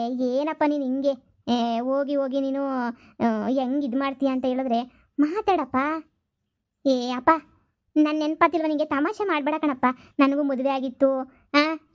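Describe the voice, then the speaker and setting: Woman doing a nagging village wife n daughter, high flat voice, dry. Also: dry recording, close to an everyday voice. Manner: pleading, nagging, whiny. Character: pleading village wife and daughter of forgetful man. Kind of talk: village comedy skit.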